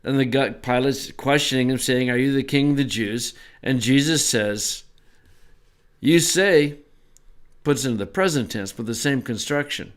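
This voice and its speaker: A man teaching a Bible lesson in a relaxed, conversational way, with small asides as he explains. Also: mid-range voice.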